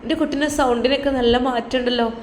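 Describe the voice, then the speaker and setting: A woman's voice: high voice, steady tone, racing, voice pushed up, natural voice. A woman voicing an elderly widowed mother who speaks tearfully and tenderly to her son. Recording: roomy with faint background noise.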